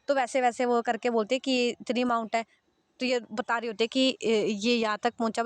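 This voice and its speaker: A woman's voice: a little high, no room sound. A young woman narrating a love story in a casual, chatty way, often stopping to recap. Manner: chatty, recaps with "theek hai" and "matlab".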